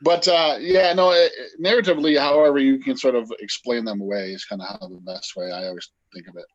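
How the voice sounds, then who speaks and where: A man leads a tabletop game as its game master. He talks casually and agreeably at a medium pitch, on a slightly dull, lo-fi recording. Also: fairly quick, dry recording. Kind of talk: casual game-running talk.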